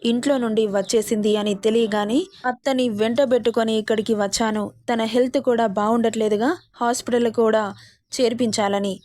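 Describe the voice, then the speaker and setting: A woman's voice: on the high side, steady tone, normal speed, darkish tone, dry recording, close to an everyday voice. A woman voicing a hot-tempered young man angrily defending his sister in a storybook. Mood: angry. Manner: angry, warning.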